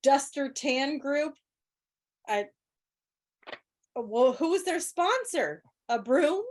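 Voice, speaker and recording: A quiz host with a high, expressive, darkish voice runs live trivia over an online video call. She speaks slowly in a relaxed, chatty way, dropping wry jokes along the way.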